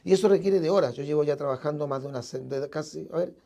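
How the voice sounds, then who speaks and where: A Chilean-accented pastor speaks to his audience in a mellow, warm tone, his voice sitting a little high for a man. He talks earnestly and casually, often circling back to repeat or restart a word. He is speaking from a radio studio. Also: fast talker, creaky. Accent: Chilean Spanish. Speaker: evangelical pastor. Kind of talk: casual live broadcast talk to listeners.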